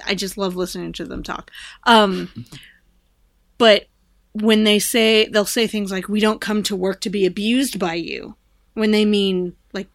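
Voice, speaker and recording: A woman's voice: medium pitch, dry recording. Chatty woman podcast co-host, dry sound. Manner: thoughtful, rambling with many fillers. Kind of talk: casual chat.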